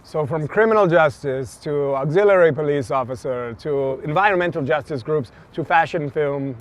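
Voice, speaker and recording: An upbeat man hosts a casual outdoor interview, his voice sitting a little high. He is full of praise and warm words for his guest. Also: moderate pace. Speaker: interview host, mayoral candidate. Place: outdoors in a city near traffic.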